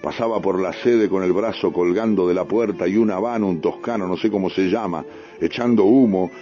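A man with a Rioplatense accent, a radio host, reading a first-person story in an unhurried way with street slang. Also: sits low, dark tone. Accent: Rioplatense Spanish. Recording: dull radio broadcast, faint music.

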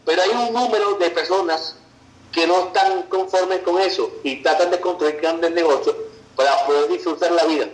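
A man delivers an online business pitch, persuasive and insistent. His voice sits a little high and rings in a roomy, echoing space. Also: fairly even intonation, normal speed. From Venezuela. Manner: persuasive, tags sentences with "ok" and "verdad". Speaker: business presenter.

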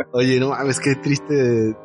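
A man with a San Luis Potosí Mexican accent hosting a casual podcast chat, joking and dropping slang fillers. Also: mid-range voice. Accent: San Luis Potosí Mexican Spanish.

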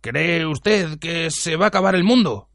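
A man voicing a timid, awed barman in a storybook reading, speaking in a hushed murmur. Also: on the high side, animated, normal speed, no echo, clean studio sound, voice pushed up.

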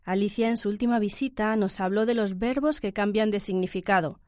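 A woman's voice: medium pitch, brisk, a little mellow, no echo. Woman radio host, dry sound. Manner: friendly, conversational interviewer. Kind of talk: hosting an educational radio program.

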